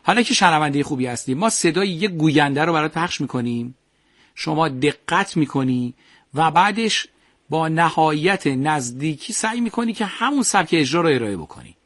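A man's voice: on the high side, lively intonation, a bit bright, dry recording, studio quality. A man hosting a radio quiz show, playful and teasing with the contestants.

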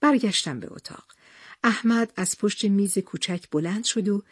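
A woman narrating a memoir in the first person, with soft, emotional storytelling. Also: medium pitch, slightly rough, dry recording, clean studio sound.

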